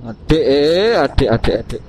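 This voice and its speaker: Man, Central Javanese accent, motovlogger, joking, lively pitch, loud wind and engine noise. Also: moderate pace. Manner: joking, chatty, talks to himself, laughs often. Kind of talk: casual riding vlog chat. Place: riding a motorbike on country roads.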